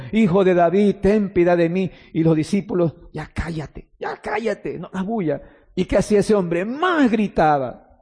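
A man with a high, mellow voice preaches a sermon in a hall that rings with long reverb. He swings from loud, urgent exclamations to hushed, slowly stretched words. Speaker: pastor.

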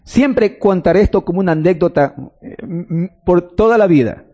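A man's voice: high voice, normal speed, warm tone. A man preaching a sermon, telling a story and acting out the lines of the people in it.

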